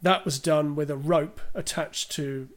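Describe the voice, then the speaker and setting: A man's voice: a little high, fairly even intonation, a little slow. A man co-hosting a podcast, chatting casually about a film, retelling its scenes and reading out listener questions. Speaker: podcast co-host.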